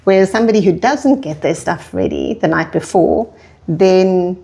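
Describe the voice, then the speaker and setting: Woman, podcast co-host; mellow, warm tone; encouraging, enthusiastic, runs long linked thoughts. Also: on the low side, moderate pace, vocal fry. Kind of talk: casual podcast conversation.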